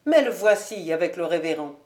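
A woman's voice: on the low side, lively intonation, brisk, a little mellow, lightly acted. A woman reading a storybook aloud and voicing a bold, fierce old mother-in-law with a defiant, cool-headed manner.

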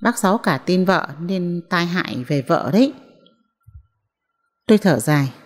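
A woman's voice: fairly low pitch, lively intonation, measured pace, long reverb tail. Woman reading a mournful novel aloud. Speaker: audiobook reader. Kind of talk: first-person novel narration.

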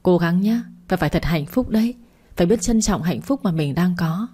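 A woman's voice: on the low side, expressive, normal speed, dark tone, breathy edge. Woman reading as a kind young chairman. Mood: warm. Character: young male company chairman, kind, teasing.

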